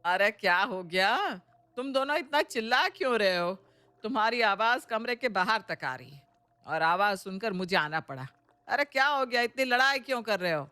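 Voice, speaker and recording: A woman voicing a kind middle-aged mother-in-law, gentle and coaxing in an audio storybook. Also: on the high side, lively intonation, normal speed. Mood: scolding.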